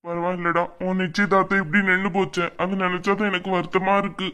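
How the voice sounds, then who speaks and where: A woman's voice: on the low side, flat delivery, fast, a bit bright, close to an everyday voice. A woman voicing a frail old father lying sick in a hospital bed, speaking weakly and then stubbornly insisting.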